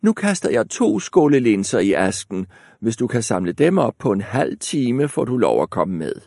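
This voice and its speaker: A man's voice: mid-range voice, sing-song, vocal fry, a little mellow, no room sound, studio quality. A man voicing a stern, dismissive stepmother in a fairy tale, speaking curtly and scolding. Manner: scolding, curt.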